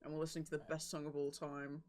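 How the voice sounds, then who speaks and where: Woman streamer, slightly low voice, playful, laughs a lot, casual gameplay chatter. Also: completely flat delivery, fast talker, a little mellow. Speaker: streamer host.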